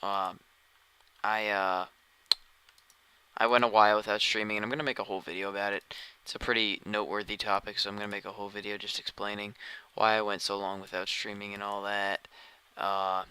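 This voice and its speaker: A man's voice: on the low side, flat delivery, a little fast, sharp tone, smooth. A tired man streaming a game, chatting casually and thinking aloud as he plays. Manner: rambling, thinking aloud while playing. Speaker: gaming streamer. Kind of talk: casual live-stream commentary.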